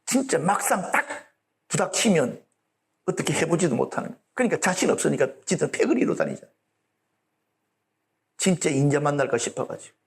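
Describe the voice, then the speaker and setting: A male pastor preaching a blunt, colloquial sermon and often checking that the audience agrees. His voice sits fairly high, swings widely in pitch and has a gravelly edge. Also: lively intonation, a little fast, pauses often.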